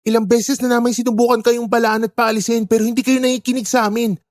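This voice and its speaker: Woman doing a fast-talking young boy trying to help, dry close sound. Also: fairly high pitch, level tone, darkish tone, dry recording, close to an everyday voice. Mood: urgent. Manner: quick, urgent, respectful. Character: earnest young boy, one of twins.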